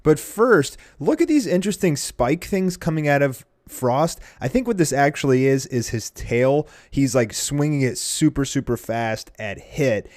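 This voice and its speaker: A man's voice: medium pitch, expressive, a little slow, hardly any pauses, darkish tone, no echo, clean studio sound. A young man giving casual, enthusiastic commentary as host of an anime review channel, in informal fan talk.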